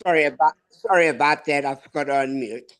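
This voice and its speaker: A man with a voice affected by illness gives a measured, earnest public comment, posing pointed questions deliberately. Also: fairly high pitch, a bit bright. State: ill with covid, affected voice. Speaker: public commenter at a board meeting.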